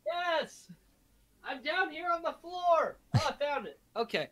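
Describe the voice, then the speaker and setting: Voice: high-pitched, animated, a little slow, fairly bright tone. A podcast co-host in casual chat, heard muffled and far off as if through a wall, calling up to the microphone from the floor. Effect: distant and muffled, heard off-mic from down on the floor. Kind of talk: casual chat about video games. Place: indoors, well away from the microphone. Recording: faint, distant voice far below the mic.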